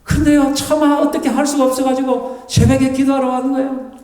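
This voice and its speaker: A man preaching as a pastor, lively and animated, acting out tearful prayers and grumbling complaints to make his point. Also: extremely high pitch, fairly quick. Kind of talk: sermon. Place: church sanctuary. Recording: echoey church hall, voice from far off the mic.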